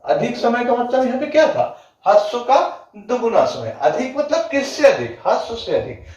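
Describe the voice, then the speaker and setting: A man's voice: very high voice, sing-song, a little mellow. Echoey distant man teaching grammar. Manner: asks the class questions then answers them himself; repeats definitions slowly with drawn-out words. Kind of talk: exam-prep grammar lesson. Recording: echoey, distant, dull lo-fi room sound.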